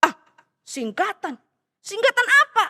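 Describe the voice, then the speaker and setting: A loud, back-slapping male friend with a Medan accent, nosy and full of praise, as a woman preacher acts him out. His voice is very high and lively. It rings out with a long church-hall reverb. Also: measured pace, exaggerated voice. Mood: hearty.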